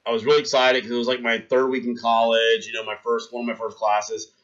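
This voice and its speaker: A man in his thirties addresses his live stream chat, telling a story energetically and acting out each scene along the way. He talks fast in a middle register. The audio has the slightly dull quality of a basic stream mic.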